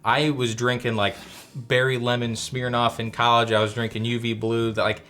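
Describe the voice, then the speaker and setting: Rambling young man, mid-pitch. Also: moderate pace, soft background music. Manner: relaxed, rambling, self-correcting. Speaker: co-host. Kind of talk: casual chat.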